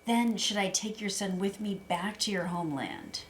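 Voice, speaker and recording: A woman who reads scripture aloud in a calm, measured way and chats briefly between passages. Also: mid-range voice. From United States. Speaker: guest reader. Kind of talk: reading scripture aloud and chatting. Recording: faint background noise.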